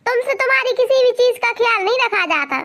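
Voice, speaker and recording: A woman's voice: extremely high pitch, animated, rapid-fire. A woman voicing a bossy, scolding middle-aged mother-in-law in a cartoon. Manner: scolding, fussy. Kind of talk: cartoon voice acting. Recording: loud background noise.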